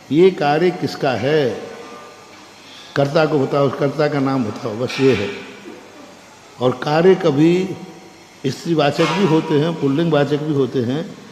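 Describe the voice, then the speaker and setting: A man's voice: on the high side, darkish tone. A man teaching as a monk in a classroom-style religious lecture, quizzing his listeners and repeating key phrases in a conversational way. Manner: quizzes listeners with frequent questions. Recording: echoey hall with faint background noise.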